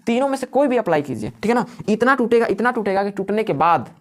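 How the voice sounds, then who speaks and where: Guy teaching a class quick, asks stuff then answers it himself over and over. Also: high-pitched, very animated. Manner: asks questions and answers them himself, repeating key words. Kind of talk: live classroom lecture. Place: classroom with students.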